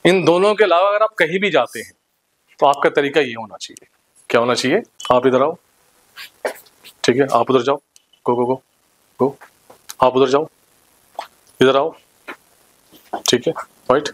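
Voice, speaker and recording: A young man giving a motivational seminar talk to students in an institute hall, energetic and teasing, ordering the crowd about. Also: mid-range voice, normal speed, long pauses. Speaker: motivational speaker.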